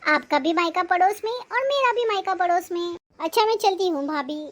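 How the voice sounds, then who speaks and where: A woman's voice: extremely high pitch, expressive, normal speed, slight background noise. A woman playing a pushy, nosy young sister-in-law who chatters and drops sly remarks in an acted family drama. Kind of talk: acted Hindi family short film.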